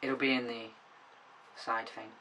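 A man's voice: medium pitch, flat delivery, a little slow, sharp tone, distant mic, low-quality recording. A man chatting in a casual comedy vlog, rambling and joking around. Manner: silly, rambling, jokey. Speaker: vlogger.

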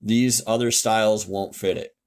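At a moderate pace and with a steady, slightly mellow voice on the low side, a man walks viewers through fuel systems via screen share from indoors at home. This car tech YouTuber keeps it casual and blunt, swearing at times and fixing his own mistakes as he talks.

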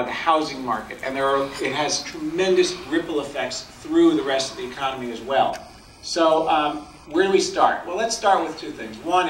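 A man's voice: mid-range voice, fairly bright tone, a little hiss or hum. A middle-aged man giving a business presentation on the economy from a podium, explaining charts in a plain way with frequent ums. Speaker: bank economist speaker. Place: large function hall at a podium. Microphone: podium mic, filmed from the audience. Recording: echoey hall, distant from the camera.

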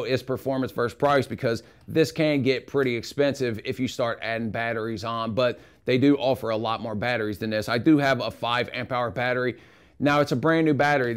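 A man's voice: mid-range voice, smooth. Male tool reviewer, casual and frank, recorded in a home garage. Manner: relaxed, rambling, frank opinions.

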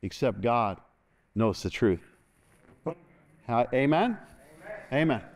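A middle-aged man preaching a sermon from a church stage, animated and constantly calling for an "amen" from the congregation. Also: medium pitch, slow pace. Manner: animated, moves about the stage, call-and-response asking "amen". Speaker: pastor. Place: large church stage, indoors.

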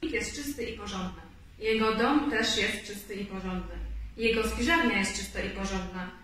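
A woman reading a children's story aloud in a clear, expressive way. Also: mid-range voice, moderate pace, a little hiss or hum. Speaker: storybook reader. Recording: echoey room, far mic.

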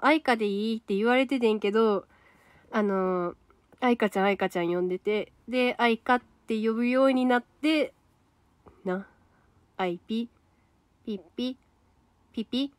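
A woman's voice: fairly high pitch, dry recording. A young woman with a Kansai accent, hosting a solo livestream and chatting casually as she reacts to viewer comments aloud. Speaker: idol trainee livestream host.

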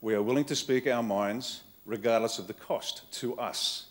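A man's voice: mid-range voice, moderate pace. An Australian man giving a political keynote speech at a conference, blunt and wry in short punchy phrases. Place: conference hall with live audience.

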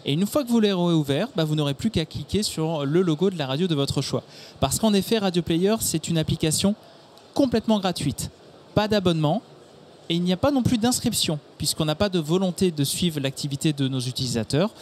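A man in his thirties with a French accent speaks in an animated, fairly quick, rather high voice with a darkish tone. He's an executive guest giving articulate explanations in a promotional interview at an exhibition studio stand at a motor show. He uses a handheld microphone, and background ambience noise comes through clearly.

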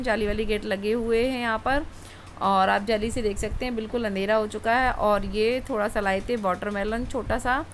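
A woman's voice: medium pitch, a bit bright, slight background noise. A woman vlogger chatting casually over home video of her kitchen, homely storytelling with many fillers.

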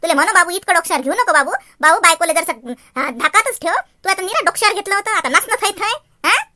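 A woman voicing a shrill, scolding village mother-in-law. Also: lively intonation, fast talker, bright, forceful tone, full character voice. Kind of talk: cartoon voice acting.

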